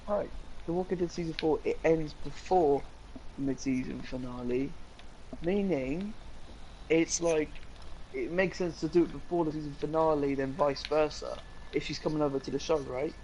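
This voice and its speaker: A man's voice: fairly high pitch, moderate pace, darkish tone, slight background noise, low-quality recording. A young man, co-hosting a casual live-stream chat, rambling eagerly with lots of fillers. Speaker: co-host.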